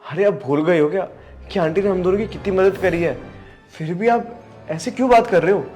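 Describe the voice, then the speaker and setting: A man's voice: high-pitched, fairly quick, a little mellow, faint music behind, natural voice. A young man playing an earnest younger brother who pleads and reproaches in a scripted family skit. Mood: pleading. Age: young adult.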